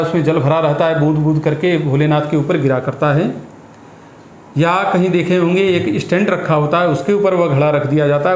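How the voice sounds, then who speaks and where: There's faint noise and echo around this slightly high-voiced man. A guest who works as an astrologer and priest, he walks through ritual practice in a measured, instructive tone, using Sanskrit terms along the way.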